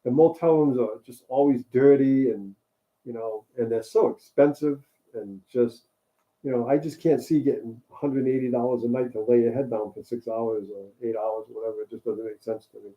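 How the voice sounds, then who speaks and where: A man in a relaxed co-host chat, rambling and easygoing and often circling back on his words. His voice sits at an ordinary middle pitch. The sound is thin and tinny, like a phone line. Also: fairly quick. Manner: easygoing, rambling, repeats himself. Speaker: co-host and mechanic. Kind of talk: casual chat.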